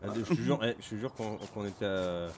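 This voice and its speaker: A man with a Norman accent streaming a farming game with friends, jokey and excitable, swinging between loud teasing and mumbling. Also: on the low side, fairly quick, slight background noise. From France. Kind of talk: casual gaming chat.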